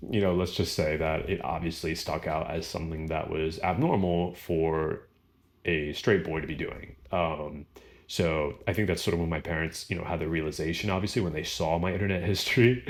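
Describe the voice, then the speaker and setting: Low-voiced young man vlogging casually. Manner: relaxed, many fillers and restarts. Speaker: YouTuber. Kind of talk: casual vlog Q&A.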